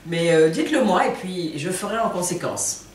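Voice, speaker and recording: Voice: medium pitch, expressive, moderate pace, slight background noise. An Atchan speaker from Ivory Coast, patiently teaching a language lesson word by word. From Ivory Coast, Atchan people. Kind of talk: slow spoken language lesson. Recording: roomy, distant mic, faint ambience.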